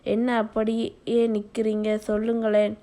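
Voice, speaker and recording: A woman voicing a gentle, shy young bride who speaks softly and tenderly. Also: fairly high pitch, completely flat delivery, a little slow. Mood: frantic. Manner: soft, tender, turns frantic when scared.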